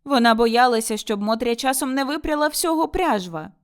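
A woman's voice: fairly high pitch, animated, normal speed, smooth. A woman narrating a classic story as an audiobook reader, telling it expressively. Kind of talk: scripted literary narration.

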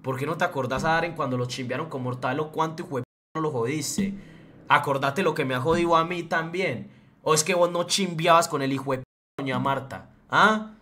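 A young man from Colombia with a paisa accent, ranting on a livestream. He speaks in a slightly high voice, blunt and profane, and he gets fired up as he goes. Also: a little fast, bright, forceful tone. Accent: Colombian Spanish, Antioquia. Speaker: streamer. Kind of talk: heated livestream rant.

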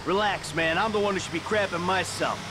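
An actor playing a calm, commanding male bank robber who leads a heist in a video game, keeping his nervous partner in line with threats. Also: sits high, a little fast, noisy background, natural voice. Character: cool-headed male heist leader, middle-aged, menacing.

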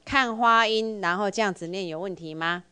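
A woman teaching a language class with a Taiwanese Mandarin accent, drilling syllables slowly and coaxing her students to repeat. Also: mid-range voice, sharp tone, clear, resonant tone. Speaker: Japanese teacher.

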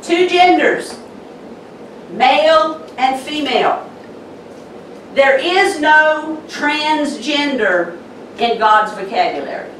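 A woman pastor with a Southern accent preaching a sermon slowly and emphatically. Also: high voice, lively intonation, fairly bright tone, a little hiss or hum. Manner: slow, emphatic preaching with pauses. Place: church sanctuary. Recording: echoey church hall, mic from a distance.

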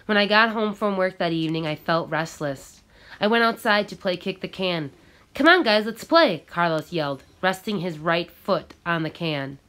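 A woman with a fairly low voice narrates a novel as an audiobook, reading with measured expression.

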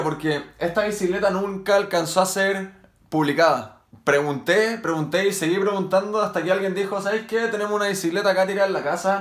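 A Chilean man in his thirties talks casually about a mountain bike, his voice sitting high for a man. The sound is roomy and echoey, picked up on a small camera. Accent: Chilean Spanish. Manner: excited exclamations while riding, relaxed explaining at home. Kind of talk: casual vlog, riding commentary then bike review. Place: trail ride outdoors, then indoor room with bike stand.

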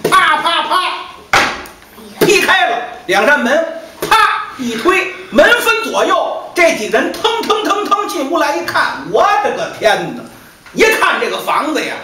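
一位带北京口音的男说书人，在书馆里说单口相声，讲得活泼，时常喊着演对话。. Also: male voice, very high-pitched. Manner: lively, acts out dialogue with shouts. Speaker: storyteller. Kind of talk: traditional solo comic storytelling. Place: storytelling hall. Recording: echoey distant hall, faint noise.

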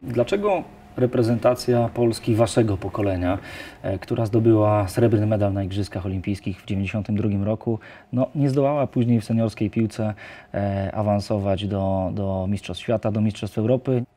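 A male TV host puts measured questions to his guest across a studio table. His voice sits low, with a deep, very dark and mellow tone. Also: faint music behind. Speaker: host, interviewer.

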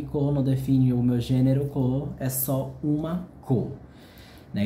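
Brazilian male vlogger, gushy and nervous, unhurried delivery, echoey room with faint hum. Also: a little high. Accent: Brazilian Portuguese. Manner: excitable, gushing, jittery with nerves. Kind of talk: casual unboxing vlog. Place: hotel room.

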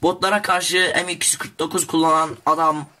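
A teenage boy casually commenting on his own gameplay, excitable and jokey, talking straight to his viewers. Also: a little high, fairly quick, slight background noise. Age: teens. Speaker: gaming YouTuber.

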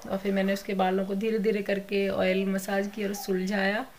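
Lady vlogging, soft and worried, goes on and on, bit of background hiss. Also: mid-range voice, completely flat delivery, a little fast. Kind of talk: casual family update vlog.

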